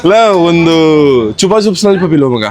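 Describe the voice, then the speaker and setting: A man's voice: on the high side, brisk. A young man with a Kannada accent, chatting casually in a vlog, teasing and coaxing a crying little girl. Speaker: vlogger. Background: crowd chatter.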